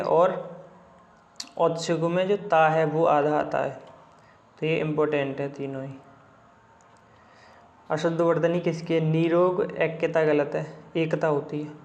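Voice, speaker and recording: A man's voice: a little high, a little mellow, roomy sound. A man teaching Hindi spelling for exams, running through a book's questions and repeating each word over and over with casual asides. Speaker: Hindi exam tutor. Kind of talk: spelling lesson walking through a book.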